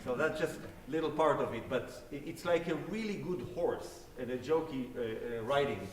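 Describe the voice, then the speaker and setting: In an echoey concert hall, a guest cellist whose first language is Hebrew takes audience questions, explaining in a friendly manner and demonstrating along the way. He talks at normal speed in a medium-pitched voice, with music in the background, picked up from a distance.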